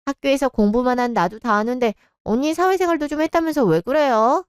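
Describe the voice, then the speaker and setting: A woman's voice: sits high, fairly quick, smooth, no echo, clean studio sound, close to an everyday voice. A woman voicing a bratty, self-righteous young sister-in-law in a radio drama, snippy and lecturing.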